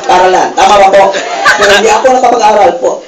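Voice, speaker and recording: A Filipino man giving an animated motivational testimony to a live audience, calling out questions and laughing as he acts out stories. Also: high voice, fast, far from the mic. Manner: calls out questions to the crowd, gets shouted replies. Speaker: speaker giving a success testimony. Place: event hall with a live audience. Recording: roomy hall mic from afar, loud crowd noise.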